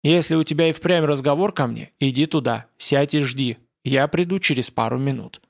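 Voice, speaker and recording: A man voicing a gruff older priest. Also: on the high side, normal speed, no echo, studio quality. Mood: curt. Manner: blunt, commanding. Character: gruff older male priest, war veteran.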